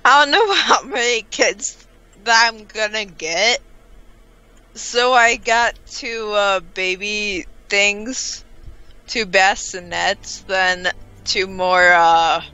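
A woman chatting casually while playing a life-sim game, bossing her character around and thinking out loud. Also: mid-range voice, takes it slowly, smooth. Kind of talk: casual gameplay chat. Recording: slightly dull sound with faint music.

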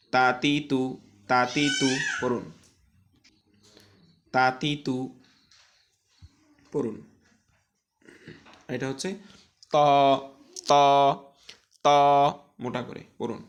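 A man teaching slow, drawn-out recitation drills. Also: mid-range voice. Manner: slow, drawn-out syllable drills with louder repetitions; calm explanatory asides between drills. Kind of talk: online lesson with repeat-after-me drills.

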